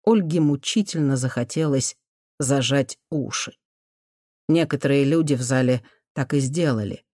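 A narrator reading a novel aloud as an audiobook, in a measured, even storytelling manner. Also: mid-range voice, dry recording, studio quality.

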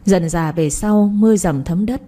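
A woman narrating a story in a steady, measured reading voice. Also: on the low side.

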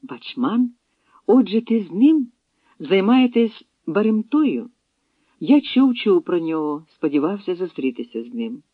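A man's voice: high voice, very animated, a little slow, no room sound, pitched above the performer's own voice, heavily acted. A man voicing an earnest, emotional young escaped warrior, on a tinny phone-like recording. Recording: tinny phone-like dry sound.

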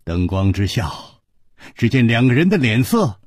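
A male storyteller with a deep, raspy voice reads in an unhurried, expressive way. His pitch rises and falls widely, and the recording is dry and close. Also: no room sound. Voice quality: husky. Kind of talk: radio storytelling.

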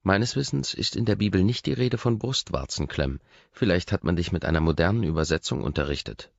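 A man's voice: low voice, lively intonation, fairly quick, vocal fry, dry recording, lo-fi sound, pitched above the performer's own voice, full character voice. A man reading the hesitant replies of a shy, nervous young woman in an audiobook. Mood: teasing.

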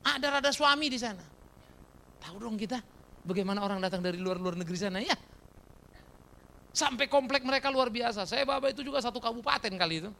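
A man preaching a sermon as a pastor, animated, throwing out rhetorical questions and slangy asides. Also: very high voice, quick pace, gravelly, pauses often.

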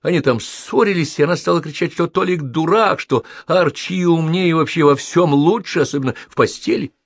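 A man reading aloud and voicing a flippant, quick-tempered young man who has got himself into trouble. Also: on the high side, dry recording, pitched above the performer's own voice. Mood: irritated. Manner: sharp, quick-tempered, joking.

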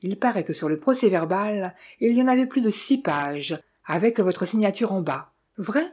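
A chatty village innkeeper who loves passing on gossip, full of sly teasing and knowing asides, as a woman reads him aloud. The voice sits mellow and a little husky. It is an audiobook character voice. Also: medium pitch, expressive, normal speed. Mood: confiding.

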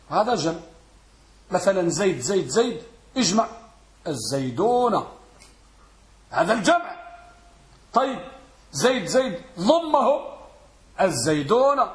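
A man with a high, lively voice teaches a grammar class, firing questions at his students and drawing words out slowly so they can follow. The room is echoey.

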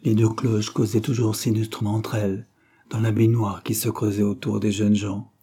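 A man with a fairly low, husky voice narrates a classic novel as an audiobook, reading in a measured, expressive way.

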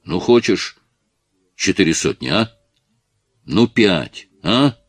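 A man's voice: sits low, lively intonation, slow pace, slightly rough, dry recording, exaggerated voice. A man voicing a nervous, drunk middle-aged factory worker who wheedles and pleads. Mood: wheedling. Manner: whining, wheedling, then pleading.

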